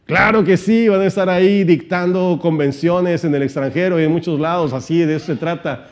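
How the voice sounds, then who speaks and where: A man giving an animated seminar-style teaching talk, shifting his volume and pitch and asking many rhetorical questions. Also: fairly quick. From Mexico. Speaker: motivational trainer.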